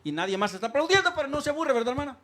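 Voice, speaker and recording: Male preacher, high voice, very lively delivery, church sermon on a handheld mic. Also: very fast. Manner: lively preaching, swings from loud calls to soft asides. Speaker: pastor. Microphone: handheld microphone.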